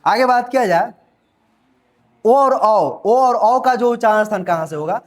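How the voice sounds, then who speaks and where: Man, high voice, grammar teacher, asks and answers his own questions. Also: a little slow. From India. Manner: repetitive call-and-answer questioning; demonstrates sounds aloud. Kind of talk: classroom lesson.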